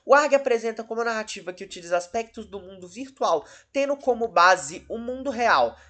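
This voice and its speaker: A Brazilian man with a high, fairly bright, expressive voice hosts video commentary for a channel about horror cases. Talking a little fast, he rambles casually, interrupts himself and is dryly sarcastic.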